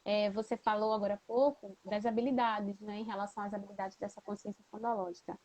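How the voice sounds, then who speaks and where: A woman's voice: medium pitch, level tone, fast, darkish tone, muffled recording. A woman who is a teacher hosts the interview with a Brazilian accent, asks questions and affirms the answers with short replies. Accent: Brazilian Portuguese. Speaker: host, teacher.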